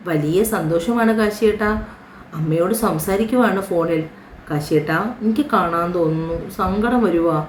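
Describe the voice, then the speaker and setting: A woman's voice: lowish voice, moderate pace, slight background noise, close to an everyday voice. A woman voicing a young woman who is a clingy, emotional sweetheart, speaking plaintively, recorded in a roomy room. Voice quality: plaintive, sulky.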